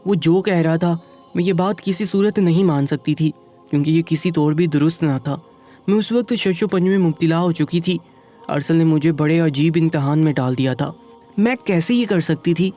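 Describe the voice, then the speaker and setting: Man narrating a sad story, highish mellow voice, faint music behind. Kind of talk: first-person story narration.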